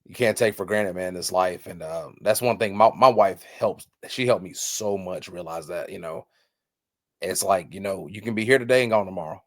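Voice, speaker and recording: A man in his thirties hosting a podcast, talking in an earnest, heartfelt way with many halting restarts. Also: low voice, no room sound, clean studio sound. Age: 30s. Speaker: podcast host. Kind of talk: casual chat.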